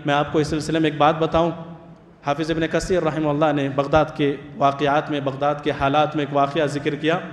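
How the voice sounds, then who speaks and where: Man preaching hard, voice a bit high, big echoey mosque hall ringing behind. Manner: fervent, repeats phrases for emphasis. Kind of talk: Friday sermon. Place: large mosque.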